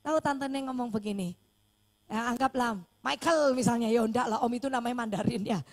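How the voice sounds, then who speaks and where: A high-pitched woman pastor preaching. She tells her story with animated energy and acts out the voices of the people in it. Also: a little fast. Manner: animated storytelling, acting out dialogue. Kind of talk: sermon storytelling.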